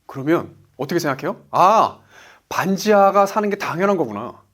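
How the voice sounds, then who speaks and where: A coach in his forties gives a motivational business lecture, emphatic and full of rhetorical questions he answers on his own. He speaks at a moderate pace with a fairly high, expressive voice and a fairly bright tone.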